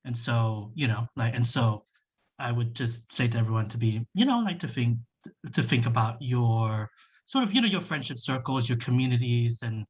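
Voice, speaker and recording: A young man from Malaysia talks through a laptop webcam on a video call. His voice is a little husky, and he rambles with plenty of fillers and restarts. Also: mid-range voice, lively intonation, moderate pace. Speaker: workshop participant. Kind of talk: casual discussion on a video call.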